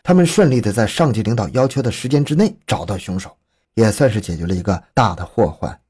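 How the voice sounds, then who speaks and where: A man's voice: on the low side, animated, fast, darkish tone, husky. A man narrating a scripted true crime story in a dramatic, suspenseful storytelling manner.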